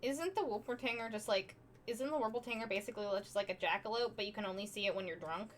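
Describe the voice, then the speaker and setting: A medium-pitched woman talks fast against a little hiss or hum. She's a streamer lounging on her couch at home, drawing live and chatting casually, rambling on with self-deprecating jokes and plenty of "like" fillers.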